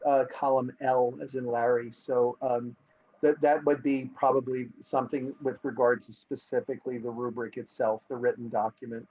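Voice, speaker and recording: A man of middling pitch explains how teachers are evaluated, talking conversationally and giving everyday examples. He often restarts his words, and the audio sounds slightly muffled. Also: little pitch movement, normal speed, mellow. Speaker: school administrator. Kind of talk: explaining in a meeting.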